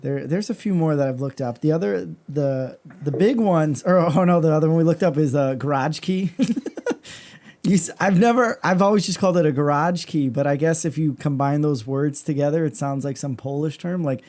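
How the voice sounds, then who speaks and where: A man's voice: on the high side, normal speed, darkish tone. A man with a Chicago accent chatting casually, in an emphatic, opinionated way. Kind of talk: casual chat.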